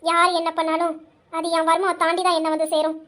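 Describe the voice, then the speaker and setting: A woman voicing a loyal young wife in an audio drama, steady and defiant. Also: extremely high pitch, fast. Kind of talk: amateur Tamil audio drama.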